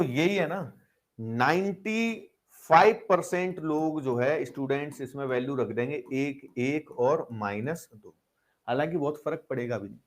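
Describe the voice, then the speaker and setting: A male maths teacher running a live online class, in a voice pitched a little above the usual for a man. He walks through each step, asks the students questions he then answers himself, and keeps nudging them to type their replies. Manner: coaxing, keeps calling students brother and asking them to reply; explains step by step with rhetorical questions.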